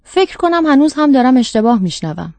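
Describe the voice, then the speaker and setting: A woman's voice: high voice, big pitch swings, a little mellow, no room sound, voice pushed up. A woman voicing a practical mother taking charge, matter-of-fact, in a storybook reading. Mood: puzzled.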